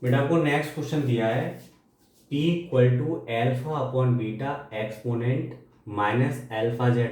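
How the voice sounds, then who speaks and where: A man's voice: medium pitch, a little mellow. A man explaining physics to students as their teacher, asking questions and answering them himself, often calling them "beta" and slipping into English. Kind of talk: classroom lecture. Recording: echoey room.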